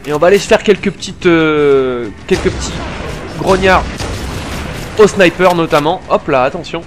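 A man hosting a gameplay video, chatty and excitable, peppering his casual commentary with slang, swearing and fillers. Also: a little high, moderate pace, over music. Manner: many fillers while explaining.

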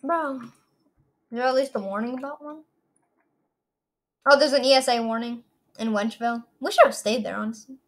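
A young woman chatting casually with a friend while playing an online game, excitable and fond of saying "bro". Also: on the high side, moderate pace, pauses often. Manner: excitable, says "bro" a lot. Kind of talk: casual gameplay chat with a friend. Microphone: gaming headset mic.

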